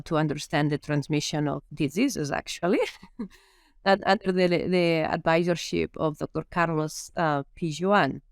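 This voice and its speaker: Low-pitched and smooth, this veterinary professor from Spain, a woman in her fifties with a Spanish accent, talks thoughtfully through a podcast interview, often saying "um." The studio sound is clean with no room sound.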